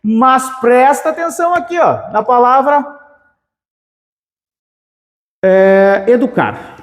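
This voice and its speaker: A man teaching a grammar lesson for exams, energetic and playful, stretching out key words. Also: very high-pitched, takes it slowly, in a large hall. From southern Brazil. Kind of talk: exam-prep grammar lesson.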